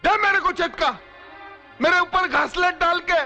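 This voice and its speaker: A tormented mill worker turned outlaw who wails and shouts in a strained, very high voice. His stays thick through the sobbing, and the lines drag out slowly. A loud orchestral film score runs underneath. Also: highs cut off, exaggerated voice. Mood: sobbing remorse. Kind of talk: Bollywood melodrama acting. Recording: film soundtrack with loud music.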